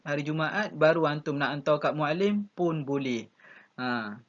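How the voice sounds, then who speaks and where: A man with a Malaysian Malay accent walks young pupils through their tasks in an online class. He talks patiently, repeats each step, and keeps saying "ha" and "okey". His voice sits slightly high for a man, and the audio is a bit dull and lo-fi. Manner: patient, repeats instructions, frequent "ha" and "okey" fillers. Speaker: primary school teacher.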